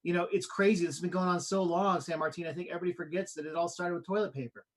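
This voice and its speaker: Fast-talking high-voiced man. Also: steady tone. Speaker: co-host of a local news livestream. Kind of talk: casual chat.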